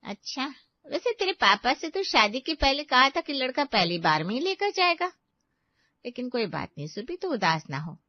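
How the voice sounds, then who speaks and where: A woman voicing a gentle, caring middle-aged mother in an animated story, talking softly and comfortingly. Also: high voice, normal speed, no echo. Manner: soft, comforting. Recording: dry, slightly dull lo-fi audio.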